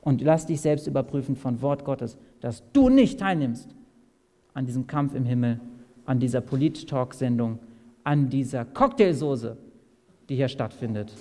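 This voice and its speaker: A man preaching a sermon, asking his listeners direct questions and swinging between loud and soft. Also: mid-range voice. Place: large hall at a camp meeting. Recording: long hall reverb.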